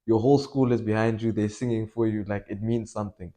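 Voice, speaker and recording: A young man from Malawi chats easily about his life in football, his voice sitting a little low. He talks in a loose, animated way, joking and laughing as he goes. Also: quick pace. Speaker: football coach and academy owner. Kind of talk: casual podcast interview.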